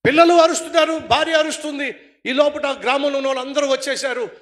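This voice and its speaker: A man's voice: very high voice, brisk, a bit bright. A male preacher giving a fervent, exhorting sermon and telling an illustrative story.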